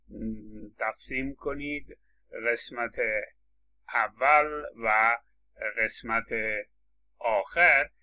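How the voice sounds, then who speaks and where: A man lecturing on linguistics in Persian, hesitant, with many drawn-out fillers and pauses. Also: medium pitch, sharp tone. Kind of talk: recorded lecture.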